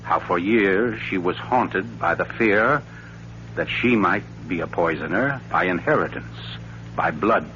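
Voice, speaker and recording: Suave, low-voiced theatrical sleuth, old radio. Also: male voice, expressive, pushed and bright, exaggerated voice. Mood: grave, knowing. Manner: pompous, deliberate, teasing delivery. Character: suave, theatrical male writer-sleuth, wry and knowing. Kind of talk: 1940s radio thriller acting. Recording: dull, noisy, humming 1940s radio recording.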